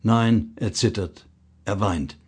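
A man reading a blog article aloud as a devotional reading, earnest and measured, slowing down to stress key phrases. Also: fairly low pitch, a little mellow, slightly rough.

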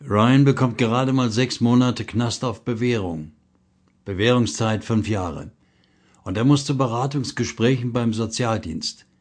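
An earnest man reads a devotional blog text aloud at a measured pace. His voice sits at an ordinary middle pitch, and he slows down to lean on the key phrases. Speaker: reader of a blog article. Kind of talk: devotional reading.

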